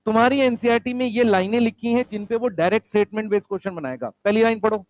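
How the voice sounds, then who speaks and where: A man teaching a biology lesson, asking questions and answering them himself, slowing down to stress key terms. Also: high-pitched, no room sound. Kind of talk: classroom lecture.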